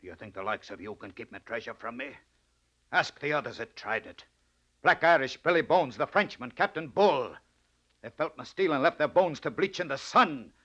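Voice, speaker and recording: An actor playing a raving, murderous pirate captain in a 1940s radio drama, growling and strained, full of theatrical threats. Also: male voice, medium pitch, expressive, normal speed, sharp tone, highs cut off. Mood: menacing fury. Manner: menacing, theatrical old seafaring threats.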